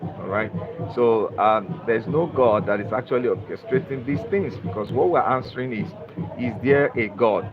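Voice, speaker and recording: A man's voice: medium pitch, moderate pace, a crowd in the background. A Nigerian-born man hosting a live stream, lecturing in a repetitive way and leaning on "you know". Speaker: livestream host. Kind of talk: live-stream talk to viewers. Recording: dull lo-fi stream audio with music behind.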